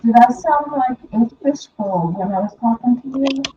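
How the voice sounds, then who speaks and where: A woman's voice: on the high side, normal speed, dark tone, slight background noise. A woman hosting a livestream chat whose faulty computer mic makes her sound muffled and hollow, as if inside a fishbowl, rambling with many restarts. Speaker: livestream host.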